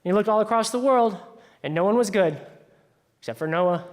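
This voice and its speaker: Casual-talking pastor in a reverberant church. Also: male voice, sits high, fairly quick. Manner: casual storytelling, sprinkled with "like". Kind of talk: conversational sermon. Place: church sanctuary. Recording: long reverb of a church hall.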